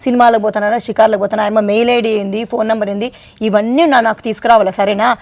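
Woman playing a sharp, quick-tempered wife, high and rapid. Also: fairly even intonation. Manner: fast, scolding, quick-tempered. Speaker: suspicious wife in a comedy skit. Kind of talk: comic sketch acting.

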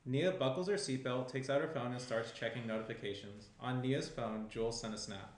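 Reading scripted screenplay narration as the narrator, a young man speaks a little fast in a mid-range voice. He's picked up by a shared desk microphone at a round table in a small indoor room, with roomy echo and faint noise.

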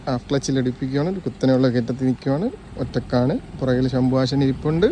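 A man's voice: medium pitch, fairly even intonation, fast, mellow, a little hiss or hum. A man working as a driving instructor, narrating and coaching a learner from inside a car, teasing and repeating his questions.

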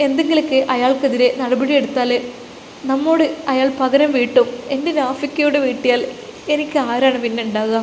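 Brief: woman voicing fearful young pregnant wife, tearful pleading, raised pitch, roomy faint hiss. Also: fairly even intonation, brisk, darkish tone, natural voice.

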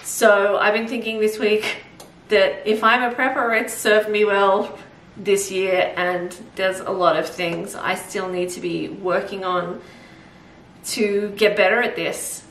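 Slow-paced and steady, a thirty-something vlogger with an Australian accent rambles chattily as she cooks at home, filling her thinking-aloud with fillers. Her medium-pitched voice is a bit bright and far from the camera mic, which sits a few feet away. The kitchen sounds roomy and echoey, with slight background noise.

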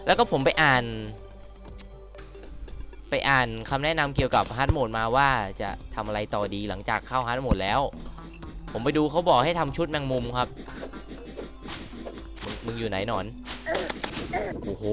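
Excitable young man narrating gameplay. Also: mid-range voice. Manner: chatty and excitable, swearing and exclaiming at the game. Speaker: gameplay commentator. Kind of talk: let's-play commentary. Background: game music.

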